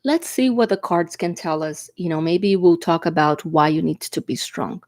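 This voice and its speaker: Her voice is on the low side and a little mellow, moving at a moderate pace, with clean studio sound and no echo. A tarot reader whose first language is Portuguese, she gives a casual, chatty reading to camera at a table indoors, stuffed up and coughing from a cold or allergies, reassuring throughout and frequently checking in with "okay?".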